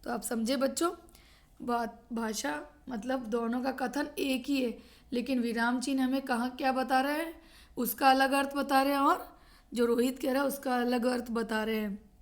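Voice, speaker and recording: Woman teacher, kinda high voice, going slow over a kids' grammar lesson, keeps checking they got it. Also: fairly even intonation. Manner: explains slowly, repeats and checks with "thik hai". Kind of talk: grade-school grammar lesson.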